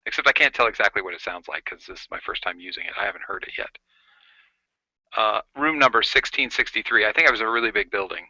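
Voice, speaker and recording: A man's voice: lowish voice, quick pace, sharp tone, dry recording. A man co-hosting a casual chat, talking playfully through an old carbon microphone built from a 1950s hotel phone. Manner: playful, jokey show-and-tell. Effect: speaking through an old carbon microphone from a 1950s hotel phone. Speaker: podcast co-host. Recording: dull, gritty old phone-mic sound.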